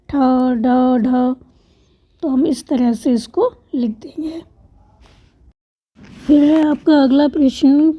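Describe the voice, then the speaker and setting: High-voiced woman teaching a school lesson. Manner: patient, spells out letters and word parts one by one. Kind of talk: explaining a school exercise step by step. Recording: dull lo-fi sound.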